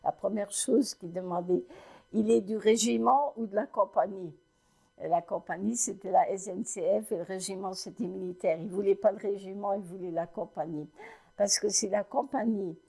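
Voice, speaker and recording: Halting elderly woman recalling the past. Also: medium pitch, steady tone, creaky, warm tone, husky. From Lorraine, France. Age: 90s. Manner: halting storytelling with many restarts. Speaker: interviewee recounting family memories. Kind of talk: oral history recollection.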